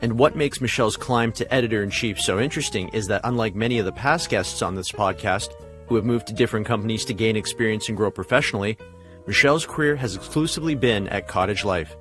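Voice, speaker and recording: A man hosting a podcast, reading a smooth introduction and then asking questions. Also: fairly low pitch, fast talker, fairly bright tone, faint music behind. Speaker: podcast host. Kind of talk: scripted intro, then interviewing.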